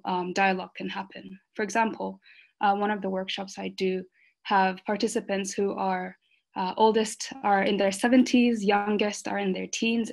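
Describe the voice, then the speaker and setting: A woman who grew up in Rwanda, speaking earnestly on an online panel, with many fillers and pauses. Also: medium pitch, creaky.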